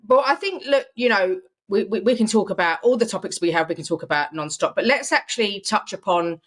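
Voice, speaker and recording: A woman's voice: mid-range voice, a little fast. A young adult woman co-hosting a casual podcast chat, earnest and reflective, with frequent "you know" fillers. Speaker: podcast co-host.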